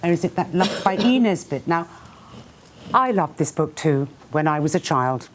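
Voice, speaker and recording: A woman author who reads her book aloud to a live audience, then talks to them about it as a lively storyteller who acts out sounds and voices. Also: deep voice, moderate pace, background noise. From Britain. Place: talk before a live audience.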